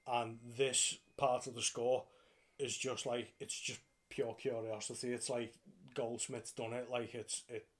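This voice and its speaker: A man co-hosting a casual chat about film music, animated and acting out scenes as he tells them. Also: medium pitch, unhurried. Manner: animated storyteller, swears freely, acts out scenes. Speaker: podcast co-host.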